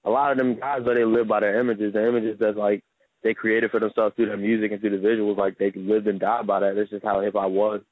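A rapper in his twenties from Maryland talks about himself in a laid-back, modest way during a casual phone interview. His voice is fairly low with little pitch movement, and he talks fast. The recording is dry and tinny, heard over a phone line.

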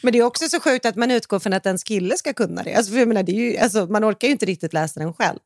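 Woman co-host, mid voice, relaxed banter and quick reactions, dry mic. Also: mid-range voice, vocal fry, dry recording. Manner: supportive listener, short reactions and laughs. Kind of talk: casual chat.

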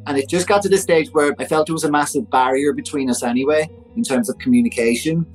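A man's voice: fairly high pitch, quick pace, faint music behind, rough recording. Chatty man telling his story. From Ireland. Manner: chatty, animated, full of fillers like "you know" and "like". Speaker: interview guest. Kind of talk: candid personal storytelling.

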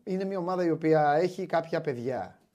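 Animated man hosting sports chat. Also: a little high, highs cut off. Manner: animated, wry, many restarts. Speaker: sports show host. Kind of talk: casual basketball chat.

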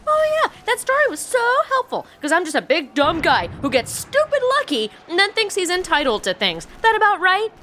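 A woman's voice: very high voice, huge pitch swings, fairly quick, hardly any pauses, sharp tone, slight background noise, exaggerated voice. A woman voicing a sarcastic cartoon heroine.

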